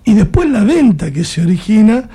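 A man's voice: high voice, very animated, moderate pace, mellow, breathy edge. An Argentine man hosting an interview, thinking aloud and asking pointed questions.

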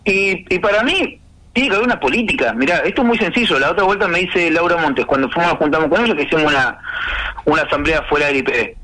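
Argentine guy as a guest, rattles on fast, insistent, keeps going "no sé", bit high voice. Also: expressive, pushed and bright, poor audio. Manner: insistent, piles up examples, trails off with "no sé". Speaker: interview guest, housing activist. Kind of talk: explaining to an interviewer.

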